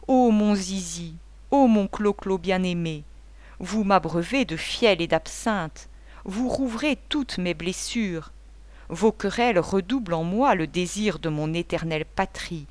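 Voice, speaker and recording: A woman's voice: lowish voice, no echo, natural voice. A woman voicing a theatrical, self-pitying old mother in an audiobook, cooing and pleading. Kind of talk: audiobook character voice.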